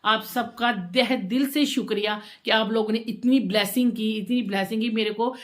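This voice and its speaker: A woman's voice: on the high side, fairly even intonation, moderate pace. Chatty woman vlogging casually at home. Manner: chatty, emotional, repeats herself. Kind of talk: casual home vlog chat.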